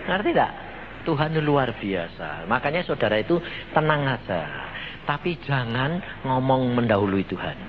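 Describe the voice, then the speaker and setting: Animated preacher with a lilt. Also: male voice, mid-range voice, normal speed. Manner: animated storytelling, acting out dialogue, addressing listeners as brothers. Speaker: evangelist preacher. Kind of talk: sermon. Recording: dull lo-fi sound with faint background noise.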